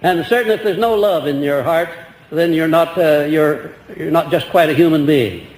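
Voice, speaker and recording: Heard in an old, echoey hall recording with light hiss, an older man takes questions from his audience in an earnest, rambling lecture. His voice is a little high and slightly mellow, at a normal speed. He keeps restarting and asking rhetorical questions.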